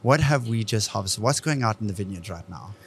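A man's voice: fairly low pitch, lively intonation, fairly quick, slight background noise. A man hosting a podcast in a casual, informal interview style. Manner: chuckles often, informal. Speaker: podcast host.

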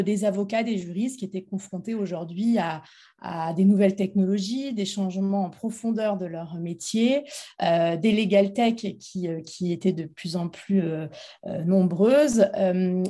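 A woman's voice: medium pitch, mellow. A woman interviewed as founder of a training institute, talking with many fillers and restarts. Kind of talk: interview conversation. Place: Montpellier, France.

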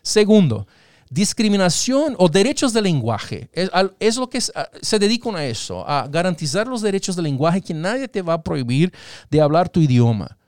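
A man's voice: high-pitched, very animated, normal speed, darkish tone, no room sound, studio quality. A man with Latin American roots in a casual political discussion, asking rhetorical questions and often restarting his sentences. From Latin American roots, raised in the United States.

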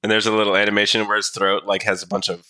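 A man's voice: lowish voice, flat delivery, racing, bright, forceful tone, smooth, dry recording. A man co-hosting a podcast, bantering casually in natural, unscripted talk. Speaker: podcast co-host.

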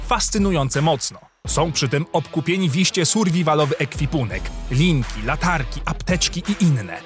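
Sarcastic male narrator with a higher voice. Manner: sarcastic, mocking. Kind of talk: satirical scripted commentary.

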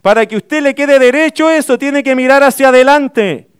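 A man's voice: extremely high pitch, normal speed, no echo, studio quality. A middle-aged man, preaching a sermon as pastor, emphatic and full of rhetorical questions.

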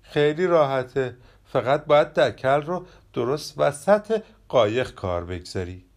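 A man voicing an eager young rabbit child in a children's storybook, in a lively reading voice. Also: mid-range voice, close to an everyday voice.

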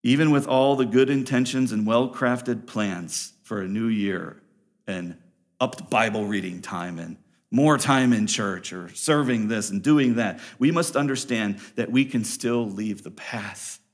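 A man preaching a sermon to his congregation, pressing his points with rising emphasis and then dropping to quiet, low passages, often repeating words as he builds a thought. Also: a little slow. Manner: earnest preaching, swings between loud emphatic peaks and quiet low passages; repeats and restarts phrases while building a point. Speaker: pastor.

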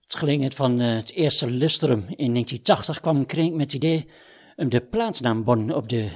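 A man with a Twente Dutch accent leads a conversational interview. His voice sits at a medium pitch and has a noticeably husky, rough grain. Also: normal speed.

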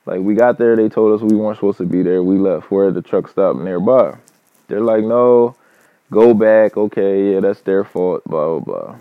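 A fairly low-pitched man spins a casual personal story about life as a truck driver, loose and full of cursing and fillers. The recording is dull and lo-fi, with a dry, close sound and no room echo. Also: normal speed. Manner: loose, profanity-heavy, filler-laden talk.

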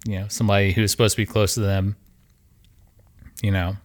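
A man co-hosting a podcast in casual chat, laid-back and halting, with many fillers. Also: lowish voice, flat delivery. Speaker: podcast co-host.

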